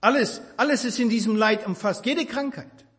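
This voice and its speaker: High-voiced preacher in an echoing hall. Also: male voice, normal speed. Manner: impassioned, swinging between loud emphasis and hushed tenderness. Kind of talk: sermon. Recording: reverberant hall.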